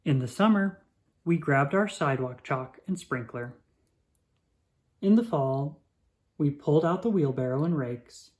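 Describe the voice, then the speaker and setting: The clip features a children's picture book being read aloud by a narrator whose mid-range voice carries an expressive, unhurried storytelling quality.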